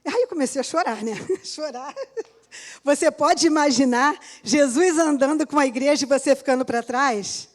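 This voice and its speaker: A woman's voice: high voice, normal speed. A middle-aged woman pastor preaching a sermon in church, telling a personal testimony and laughing often as she talks to the congregation.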